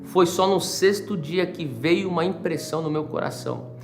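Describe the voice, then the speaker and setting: A Brazilian man who is a pastor, telling a personal testimony in a sermon with animated storytelling and dramatic swings. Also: on the high side, moderate pace, creaky, faint music behind. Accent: Brazilian Portuguese.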